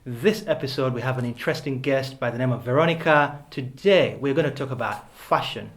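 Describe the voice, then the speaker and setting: A man's voice: medium pitch, a little fast, a bit bright. A man hosting an interview podcast, effusive and enthusiastic, often affirming what his guest says. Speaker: podcast host. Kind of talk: interview conversation.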